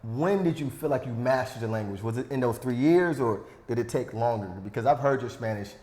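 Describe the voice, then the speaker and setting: Medium-pitched and darkish, the man's voice runs a little fast as he hosts a podcast. He keeps the interview chat casual and easygoing, poking fun at himself, and the recording carries room echo.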